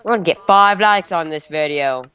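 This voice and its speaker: A man's voice: a little high, moderate pace, pushed and bright, clear, resonant tone, dry recording. A teenage boy playing Minecraft with friends, goofing around with silly jokes. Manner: goofy, giggly joking. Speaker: Minecraft let's-play player. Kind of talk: casual gaming banter.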